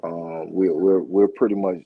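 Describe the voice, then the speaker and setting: Podcast guest: middle-aged Floridian man, low mellow voice, rambling with fillers, dry sound. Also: level tone, unhurried, no room sound, narrow, tinny audio. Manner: rambling, many fillers and restarts. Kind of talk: casual interview talk.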